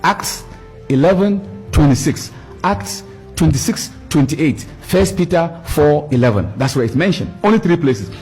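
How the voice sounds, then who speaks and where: A middle-aged man giving a storytelling religious lecture, animated, repeating words for emphasis. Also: fairly high pitch, a little slow, soft background music. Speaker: Islamic speaker.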